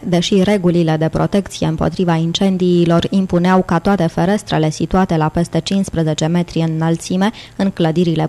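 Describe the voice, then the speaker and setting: A woman narrates a thriller audiobook with a fairly low voice. Her reading is steady and dramatic, and it holds an even pace through the action. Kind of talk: scripted narration.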